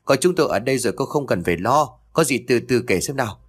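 A steady militia leader speaking in an even, reassuring way, close to the storyteller's own mid-pitched voice, as the male narrator plays him. He sounds composed and settled in an audiobook scene. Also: fast talker, husky. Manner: calm, reassuring. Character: calm, steady militia leader, adult man.

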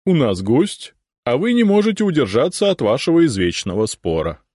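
A man voicing the quiet, gently amused middle head of an ancient three-headed dragon guardian. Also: medium pitch, very animated, moderate pace, dry recording, studio quality, voice pushed up. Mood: calm. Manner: quiet, soft, mildly amused.

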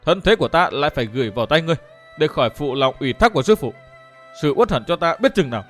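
A man's voice: on the high side, lively intonation, racing, faint music behind. A man voicing a fiery young heroine, Linh Nhi. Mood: angry tearful. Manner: sharp, scolding, tearful outbursts. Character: young woman, fiery and sulky martial heroine.

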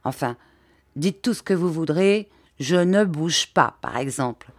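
A woman's voice: sits low, lively intonation, measured pace, no room sound, clean studio sound. A woman voicing a bold, stubborn man who talks in blunt, slangy speech. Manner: blunt, colloquial, emphatic.

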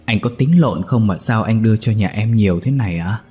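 A man's voice: fairly low pitch, a little fast, warm tone, slightly rough, soft background music. A man voicing a frantic, tearful middle-aged village wife who pleads breathlessly. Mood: puzzled.

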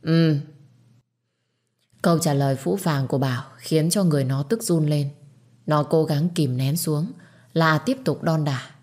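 Female storyteller, low-pitched, steady narration. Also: moderate pace.

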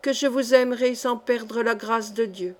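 A shy, devout young girl speaks softly and innocently, as a woman reader gives her lines. Her voice sits fairly high. This is an audiobook of a classic novel. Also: steady tone, moderate pace, close to an everyday voice. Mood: earnest. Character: timid pious young girl, childlike. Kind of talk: audiobook character reading.

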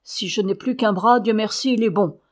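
A woman's voice: mid-range voice, natural voice. Woman reading a brooding one-armed sergeant. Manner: slow, measured.

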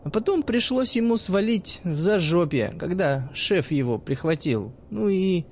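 A man voicing a cheeky, quick-tempered young woman who mocks and swears freely in a raised, high-pitched voice. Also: lively intonation, a little mellow, slight background noise. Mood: cocky. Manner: cocky, mocking, swears freely.

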